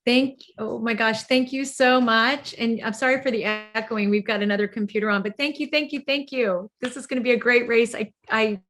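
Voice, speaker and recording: Excited woman candidate, slightly high voice, echoing video-call audio, heaps of thanks. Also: normal speed, few pauses. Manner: excited, gushing repeated thanks. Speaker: political candidate. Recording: echoey sound from another computer running nearby.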